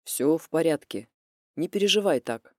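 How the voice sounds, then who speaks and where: Low steady young guy, blunt and calm, dark mellow tone , a woman reading him. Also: normal speed, dry recording, studio quality. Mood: quiet steady. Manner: level, even, understated delivery.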